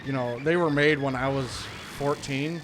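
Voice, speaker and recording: Laid-back male streamer host reading chat, mid pitch, noise audible under the mic. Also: steady tone, moderate pace. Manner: casual, reads chat comments aloud, stumbles on names. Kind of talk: casual live-stream chat.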